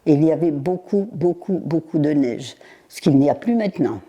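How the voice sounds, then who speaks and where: Interviewee, woman in her nineties, low, mellow voice, halting, unhurried recollection. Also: animated, lo-fi sound. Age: 90s. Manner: halting, with pauses, fillers and repeated words. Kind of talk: recalling her childhood in an interview.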